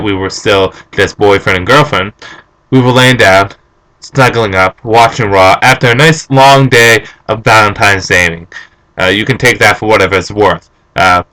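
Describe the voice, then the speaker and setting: A young man vlogging, ranting and telling stories in an animated, opinionated way. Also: fairly low pitch, rough recording. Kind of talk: casual opinion rant.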